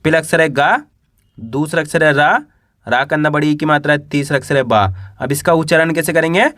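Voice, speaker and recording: A man teaching Hindi reading, spelling out each word slowly and patiently, asking the viewer and then repeating the answer. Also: a little high, fairly bright tone, no echo, studio quality. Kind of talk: slow spelled-out reading lesson.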